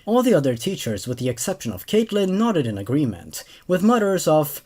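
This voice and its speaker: Seated at a large condenser desk mic in a small room at home, a twenty-something host of a horror story show reads scripted horror with casual asides. He's expressive and animated, with a fairly high voice and a slightly quick pace.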